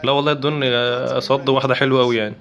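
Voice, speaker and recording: A man with an Egyptian Arabic accent giving excitable commentary while playing a football video game, chanting player names in quick bursts. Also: medium pitch, muffled recording. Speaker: gaming YouTuber. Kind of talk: live gameplay commentary.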